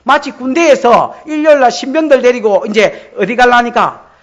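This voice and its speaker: A male pastor with a Gyeongsang Korean accent preaching a sermon, animated, acting out voices in dialect and swinging from shouts to mutters. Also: very high-pitched, normal speed.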